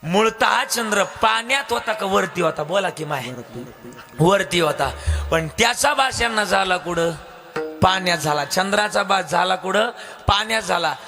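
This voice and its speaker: A man's voice: sits high, expressive, normal speed, big-room sound, music in the background. A man with a Marathi accent preaching a devotional kirtan, telling a story, questioning the crowd and breaking into sung lines.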